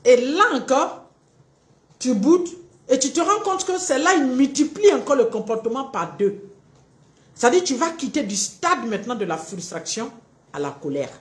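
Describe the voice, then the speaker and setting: A woman relationship coach giving a live-streamed talk, acting out both partners in quick little dialogues. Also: high-pitched, sing-song, roomy sound.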